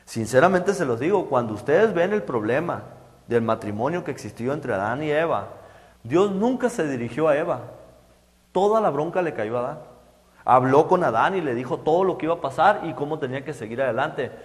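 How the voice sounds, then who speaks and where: A middle-aged man preaching a sermon, halting and repeating words as he goes. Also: fairly high pitch, animated. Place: church hall. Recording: echoey church hall.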